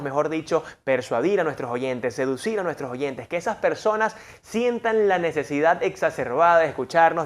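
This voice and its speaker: A man teaching a lesson on voice and persuasion. His voice sits fairly high, and he shifts it widely to demonstrate each point. He speaks with clear emphasis. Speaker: voice and speaking coach. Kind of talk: lesson on vocal technique.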